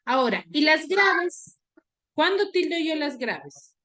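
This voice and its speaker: High-voiced woman teaching an online class. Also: sing-song, slow pace, bright, forceful tone. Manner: quizzes students with repeated questions. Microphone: computer mic on a video call.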